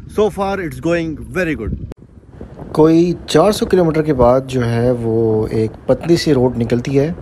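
A man in his thirties talks into a phone held at arm's length, narrating a road trip in a relaxed, chatty way. He fills his talk with pet phrases and small pauses. Steady road and car noise runs clearly under his voice. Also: medium pitch. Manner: chatty, often repeats blessing phrases and fillers. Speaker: travel vlogger. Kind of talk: casual travel narration. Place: outdoors by a rural road and inside a moving car. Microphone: phone camera at arm's length.

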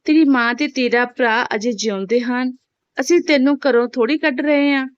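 A woman voicing a widowed mother who gently comforts her daughter. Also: sits high, moderate pace, no echo, natural voice. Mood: tender. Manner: soothing, tender. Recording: dull, dry home recording.

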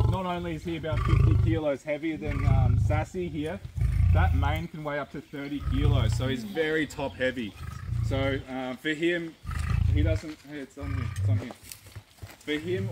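Really noisy outdoor clip, young aussie guy doing a zookeeper talk, a bit high pitched, chatting to animals in between. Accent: Australian. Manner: instructive, with soft asides of praise to the animals. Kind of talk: informal zookeeper talk to visitors while feeding animals. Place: outdoors at a zoo animal enclosure. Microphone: camera a few metres away. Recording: very noisy outdoor phone recording.

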